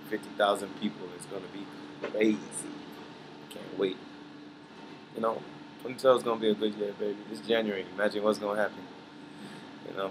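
A man talks easily into a handheld camera on an outdoor balcony, his speech loose and full of slang. His voice sits low and barely rises or falls. Traffic and air-conditioning hum run clearly beneath him. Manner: laid-back slangy talk, frequent "you feel me". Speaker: musician vlogging from a trip. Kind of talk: casual vlog update.

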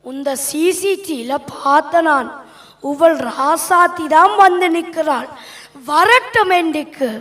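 A woman with a Sri Lankan Tamil accent playing a quick-tempered, grumbling middle-aged father in an amateur stage play, talking loudly and scolding. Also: very high-pitched, full character voice. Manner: loud, scolding.

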